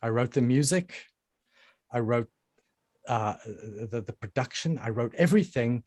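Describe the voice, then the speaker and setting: A musician answering interview questions bluntly over a laptop microphone, with plenty of fillers. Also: male voice, mid-range voice, lively intonation, unhurried, darkish tone, no echo. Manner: blunt and defiant, with many fillers. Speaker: musician guest. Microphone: laptop microphone on a call.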